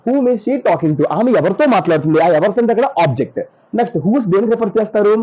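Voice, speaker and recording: A teacher with a lively, up-and-down voice, working through grammar notes and reading each example sentence slowly. The tone is mellow and a little husky. The recording sounds dull and lo-fi. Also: mid-range voice. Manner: repeats points, corrects own slips. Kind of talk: explaining English grammar notes.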